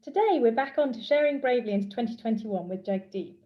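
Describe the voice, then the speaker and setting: A woman from the UK hosting a casual interview, upbeat and excited. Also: a little high, fast talker, dull audio. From United Kingdom. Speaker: podcast host.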